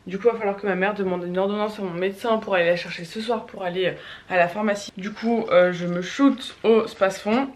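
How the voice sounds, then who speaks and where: A teenage girl from France chatting casually in a vlog, tired and unwell, with quick asides and exasperated complaints. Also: mid-range voice, steady tone. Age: teens. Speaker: vlogger.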